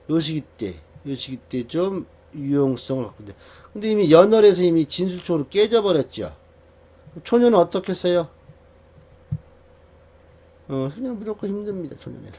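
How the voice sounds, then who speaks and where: A man with a high, animated voice leads a lesson on reading a birth chart. He keeps asking the class questions and answering them himself, and he chuckles between points. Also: slight background noise. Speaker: saju fortune-telling teacher.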